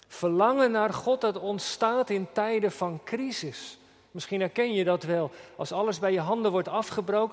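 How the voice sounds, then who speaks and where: A man preaching a sermon earnestly, slowing down when he quotes scripture. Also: high-pitched, long reverb tail. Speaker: pastor.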